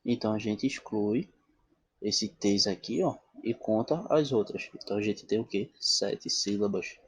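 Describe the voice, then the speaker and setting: Man, lecture voice, low pitch, dry recording, asks and answers own questions. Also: unhurried, husky, no echo. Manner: checks in often with "tá bom?" and "né?". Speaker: literature teacher. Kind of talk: classroom-style lecture.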